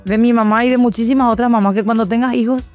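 Woman, reflective testimony, hesitant pauses, faint music behind. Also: fairly high pitch, fairly even intonation, a little mellow. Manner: reflective, frequent hesitations and tag questions. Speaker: guest. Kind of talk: personal testimony in conversation.

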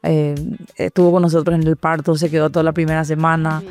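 Woman, reflective testimony, hesitant pauses, faint music behind. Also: sits low, little pitch movement, a little mellow. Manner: reflective, frequent hesitations and tag questions. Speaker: guest. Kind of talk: personal testimony in conversation.

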